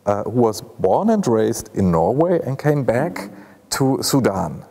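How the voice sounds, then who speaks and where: A man's voice: medium pitch, very animated, a little slow, creaky, warm tone. A man in his forties with a German accent, hosting a festival film talk and asking thoughtful, hesitant questions. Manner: thoughtful, hesitant with many fillers. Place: ornate hall, indoors.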